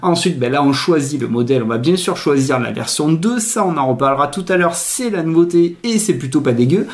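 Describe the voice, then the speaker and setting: A man hosting a casual software tutorial, chatty and full of fillers, his pace speeding up and slowing down. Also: on the high side, animated. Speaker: tutorial host. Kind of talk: casual screen-recorded tutorial.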